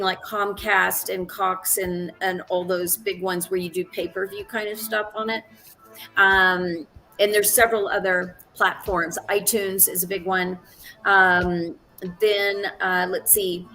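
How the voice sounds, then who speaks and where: A woman's voice: mid-range voice, little pitch movement, a little slow, bright, forceful tone. A woman in her sixties, a guest on an interview show, talking casually with lots of ums and restarts. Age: 60s. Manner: chatty, frequent ums and restarts, laughs easily. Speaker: interview guest, actress and director.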